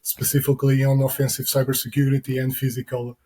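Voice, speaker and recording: A man in his thirties with a Portuguese accent talks in a flat, even tone. His voice is dark and mellow, and he pauses often with fillers as he works out his answers. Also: mid-range voice, rough recording. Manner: hesitant, many fillers and restarts. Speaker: guest, security consultant. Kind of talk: interview answers.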